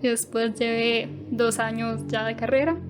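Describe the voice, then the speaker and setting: A woman's voice: fairly high pitch, flat delivery, moderate pace, music in the background. A Costa Rican woman in her twenties, a university student and podcast guest, giving brief, easygoing answers with a lot of "ujú". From Costa Rica. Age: 20s. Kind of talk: casual podcast interview.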